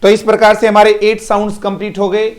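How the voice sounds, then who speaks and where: A man's voice: high voice, monotone, fast. A man teaching English pronunciation in a live online class with an Indian English accent, repeating each word and praising students by name.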